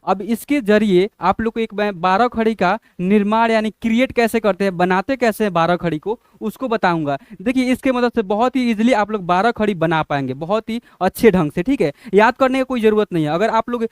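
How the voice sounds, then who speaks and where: A man teaching letters as a teacher, in slow, drawn-out drills that keep asking what each letter makes. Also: high voice, clean tone, dry recording, studio quality. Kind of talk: classroom-style lesson.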